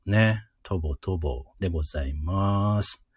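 A man hosting a casual live radio lesson, chatty and encouraging, who repeats each word slowly for listeners to drill. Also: low voice, slightly rough, no echo, clean studio sound. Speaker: radio host teaching English words.

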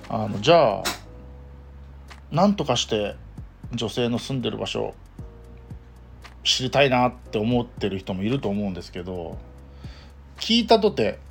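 A man with a Kansai accent hosts a casual solo podcast in a fairly low voice. He talks hesitantly and fills his pauses often. Soft music plays faintly behind him. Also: creaky. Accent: Kansai Japanese. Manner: hesitant, many fillers. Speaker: podcast host.

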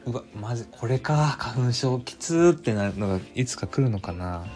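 A man with a Kansai Japanese accent hosts a casual solo livestream radio show, chatting loosely and reading listener messages aloud. He's chatty and animated, musing with frequent fillers, in a medium-pitched voice at normal speed with faint music behind him.

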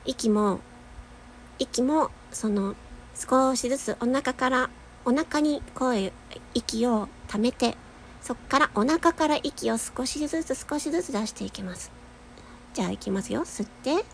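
A nasal woman in her young adult years with a slightly high voice talks through a casual voice lesson. She chats easily, laughs often and demonstrates long held notes. Faint noise sits under her. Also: unhurried, creaky. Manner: chatty, laughs often, demonstrates sustained tones. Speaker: voice-training podcaster.

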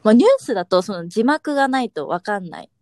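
A woman from Aomori chats as a guest, modest and quick to laugh softly. Her mid-pitched voice moves in lively arcs. The sound is dry and close, with no room echo. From Aomori, Japan. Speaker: guest writer. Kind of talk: casual chat.

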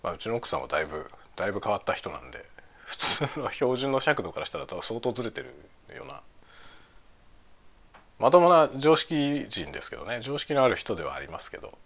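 A man's voice: medium pitch, big pitch swings, brisk, vocal fry, fairly bright tone. A middle-aged man chatting casually while eating, musing aloud in short phrases that trail off. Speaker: host of a lunchtime chat.

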